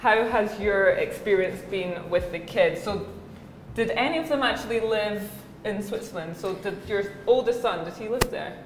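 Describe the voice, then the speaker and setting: A woman's voice: medium pitch, normal speed, slight background noise. A woman vlogger asking curious, friendly questions in a casual interview. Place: indoor apartment. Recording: echoey room.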